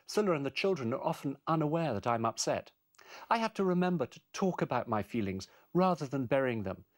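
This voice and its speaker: Presenter: man, steady, scripted narration, lively intonation. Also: fairly high pitch. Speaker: course presenter. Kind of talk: scripted parenting course narration.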